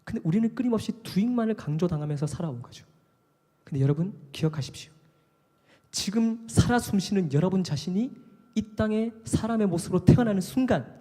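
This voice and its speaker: A man preaches live in an animated, conversational way, now and then acting out other voices. His voice is high, mellow and husky. Long reverb from the hall trails behind his words. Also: quick pace. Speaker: worship leader preaching. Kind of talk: live sermon. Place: live worship service in a hall.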